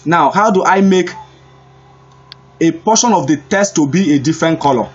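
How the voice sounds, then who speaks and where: A man giving a screen-recorded web development lesson, unhurried and repetitive, thinking aloud as he types. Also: a little high, lively intonation, breathy edge, dull audio. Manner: unhurried, repeats himself, thinks aloud while typing. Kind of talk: screen-recorded coding tutorial.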